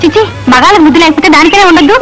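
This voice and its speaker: A quick, scolding, nosy woman. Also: very high voice, a bit bright, faint music behind. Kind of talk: film comedy dialogue.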